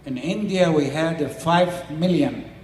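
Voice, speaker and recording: Speaking in short, plain phrases of non-native English, this older community elder, a native Syriac speaker, explains things to a small audience during an interview. His voice sits on the high side, slightly slow and mellow, echoing through a large hall with a little hiss or hum.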